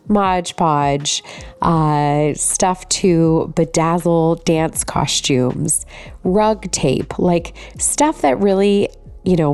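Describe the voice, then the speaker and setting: Low-voiced woman, nasal from a sinus infection. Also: darkish tone, no room sound. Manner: chatty and friendly, with fillers. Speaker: home organizing vlogger. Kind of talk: casual voice-over narration.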